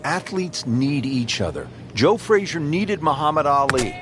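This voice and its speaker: A man voicing a golf play-by-play commentator in a video game, with a smooth, measured broadcaster delivery. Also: on the high side, big pitch swings, over music.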